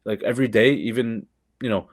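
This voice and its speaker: A man's voice: medium pitch, fairly even intonation, a little fast, dry recording, clean studio sound. A young man, a comedian from Canada, chatting casually on a podcast, swearing freely and restarting his sentences often. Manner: loose, profane, lots of fillers and restarts. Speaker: comedian guest.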